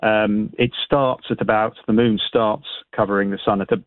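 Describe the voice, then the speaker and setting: Halting British man on a tinny phone line. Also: fairly low pitch, fairly even intonation, dry recording. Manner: hesitant, halting, repeats words. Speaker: astronomy expert and event organiser, radio guest. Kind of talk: live radio interview, explaining informally.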